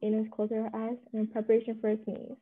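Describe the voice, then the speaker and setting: A woman reading stage directions aloud in a plain, even way. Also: fairly high pitch, fast, narrow, tinny audio.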